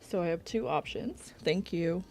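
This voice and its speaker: A woman's voice: lowish voice, measured pace, darkish tone. A young woman chatting casually on a livestream while she works, rambling with lots of fillers. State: out of breath. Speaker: streamer. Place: home workspace.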